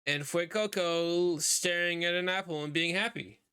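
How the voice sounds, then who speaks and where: A man's voice: high-pitched, moderate pace, pushed and bright, clear, resonant tone, no echo, clean studio sound. A man hosting a casual podcast chat over a voice call, rambling with lots of fillers. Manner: rambling, filler-heavy talk. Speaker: podcast host. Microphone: computer mic on a voice call.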